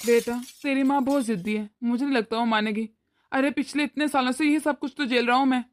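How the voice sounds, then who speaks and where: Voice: high voice, steady tone, brisk, a little hiss or hum, close to an everyday voice. A voice actor playing a weary, peacemaking older father-in-law in a cartoon, pleading with his wife. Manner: pleading, soothing. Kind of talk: cartoon voice acting.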